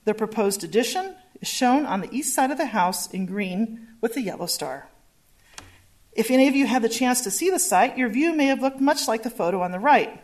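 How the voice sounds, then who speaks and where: Higher-pitched woman presenting planning findings. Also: animated. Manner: measured, reading from slides. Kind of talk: formal public hearing presentation.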